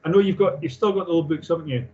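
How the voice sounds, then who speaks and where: Guy instructor doing a classroom lecture, matter of fact, fairly high voice, lo-fi muffled audio. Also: rapid-fire, darkish tone. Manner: matter-of-fact, informal explaining. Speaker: technical instructor. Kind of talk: classroom lecture on aircraft engine maintenance, reading and explaining. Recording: dull lo-fi sound.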